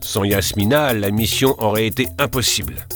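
A man voicing an excitable, hungry boy adventurer in a storybook reading, shouting his exclamations. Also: lowish voice, moderate pace, soft background music, lightly acted. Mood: excited.

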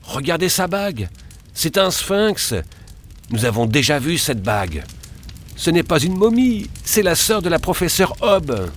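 Storybook: man voicing a jumpy, always-hungry boy adventurer, pitched high, lively. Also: a little slow, a little hiss or hum. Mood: excited. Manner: excitable, shouting exclamations. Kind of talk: storybook character reading.

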